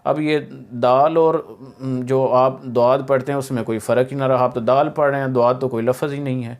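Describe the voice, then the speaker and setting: A patient male teacher with a Pakistani Urdu accent walks through a beginner reading lesson step by step. He repeats his points and stretches each letter sound slowly so it can be copied. His voice sits at an ordinary middle pitch. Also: fairly even intonation. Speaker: Quran teacher.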